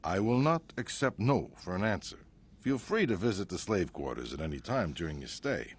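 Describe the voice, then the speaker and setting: An actor playing a smooth, self-satisfied male crime boss who speaks in a grand, smug way. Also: low voice, sing-song, moderate pace, full character voice.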